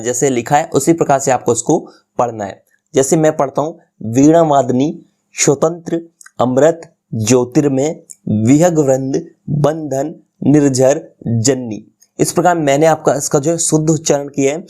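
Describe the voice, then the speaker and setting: A male teacher explaining textbook answers to students, reading answers and word lists slowly and deliberately over a screen lesson. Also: a little high, dark tone.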